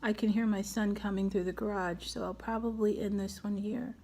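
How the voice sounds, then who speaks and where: A woman's voice: mid-range voice, fairly even intonation, fairly quick, gravelly, dark tone. A middle-aged woman hosting a casual crafting tutorial at home, chatting and thinking aloud as she works. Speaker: craft video host.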